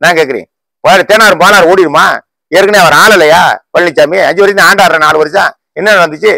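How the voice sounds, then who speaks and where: Guy, youtuber going off on a political rant, high sharp voice, dry close sound. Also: gravelly, dry recording, rough recording. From Tamil Nadu. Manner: combative, rapid rhetorical questions. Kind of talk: heated political rant to camera.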